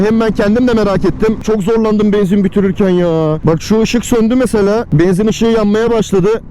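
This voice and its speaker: A man's voice: high-pitched, mellow, rough recording. A young man chatting casually to viewers as a motovlog host, speaking from inside a helmet while riding, colloquial and exclamatory. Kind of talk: casual vlog chat while riding a motorcycle. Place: inside a helmet, outdoors on a motorcycle in city traffic. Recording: motor and road noise, inside-helmet sound.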